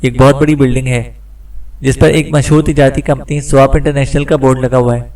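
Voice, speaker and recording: A man's voice: medium pitch, flat delivery, brisk, a little mellow, far from the mic, lightly acted. A man voicing a frightened, captured male gang section chief in an audiobook, hesitant and stammering. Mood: scared.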